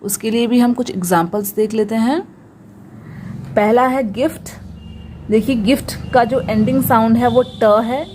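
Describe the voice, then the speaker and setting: A woman's voice: on the high side, measured pace, darkish tone, a little hiss or hum. A woman teaching English pronunciation, patiently repeating each example word and asking rhetorical questions. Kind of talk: Hindi-language lesson on English pronunciation.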